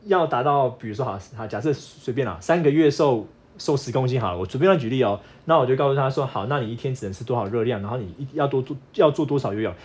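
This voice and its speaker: Male podcast co-host, fitness-coach type, fast and expressive, casual banter. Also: mid-range voice. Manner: animated, acts out his wife's whining in quotes. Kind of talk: casual couple chat.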